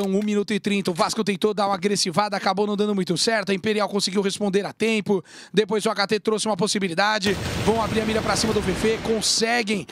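A Brazilian man commentating esports live in an excitable game-announcer style, stretching and shouting his calls. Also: sits high. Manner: excited, drawn-out shouts on big plays. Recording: clearly noisy game broadcast.

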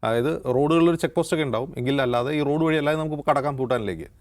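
This Kerala-accented man talks rapid-fire in a slightly high voice. As an anchor and panelist on a news discussion program, he lays out current affairs at length.

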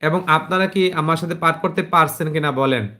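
A man with a Bangladeshi Bengali accent teaching an online Quran class to adult students, explaining plainly and reciting verses slowly. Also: fairly high pitch, bright, forceful tone.

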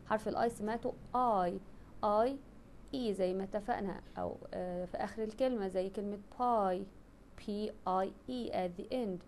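A woman's voice: medium pitch, darkish tone, slight background noise. A woman teaching a children's phonics lesson, spelling words letter by letter and explaining in two languages. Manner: slow, deliberate spelling of letters, switching between English and Arabic. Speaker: English teacher.

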